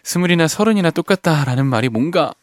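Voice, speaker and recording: A man hosting a radio show in a studio, reading listener messages and reflecting on them in a soft, gentle way that often trails off quietly. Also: fairly high pitch, expressive, quick pace, no room sound. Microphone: studio microphone.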